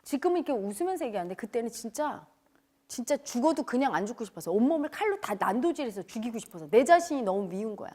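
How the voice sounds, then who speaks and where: A woman spiritual teacher giving an emotional lecture, telling her story with loud outbursts that drop into hushed near-whispers. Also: a little high, big pitch swings, quick pace. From Cheongju area, South Korea.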